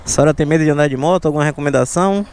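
A man's voice: on the high side, racing, clean tone. A man in his thirties with a Bahian accent from Salvador, chatting casually and slangily as a motorcycle taxi vlogger. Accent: Bahian Brazilian Portuguese, Salvador. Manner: slangy, animated street talk. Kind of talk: casual vlog chat. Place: outdoors on city streets, mostly riding a motorcycle. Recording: outdoor noise, traffic and vehicle sounds.

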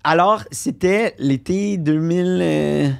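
A man's voice: a little high, takes it slowly, creaky, clear, resonant tone. Young male guest, Québécois accent, chatty storyteller, loose and hesitant. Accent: Québécois French. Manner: chatty storyteller, many fillers and restarts. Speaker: podcast guest. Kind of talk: casual chat.

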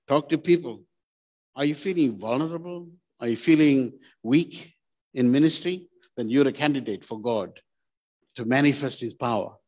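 A man's voice: medium pitch, darkish tone. A man preaching a sermon as pastor, plain-spoken and earnest, putting direct questions to the congregation. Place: church.

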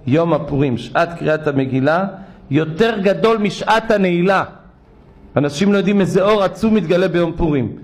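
A man, a rabbi, giving a sermon in a synagogue, telling stories and voicing the people in them. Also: a little high. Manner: animated storytelling, acting out voices; rises to loud exhortation.

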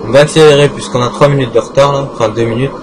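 A man rambles through casual gameplay commentary, teasing and cursing at the characters in the game. His voice sits at an ordinary middle pitch. The recording carries clear background noise and clicking. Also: steady tone, fast talker. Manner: joking, talks back to passengers, swears. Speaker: gaming channel host.

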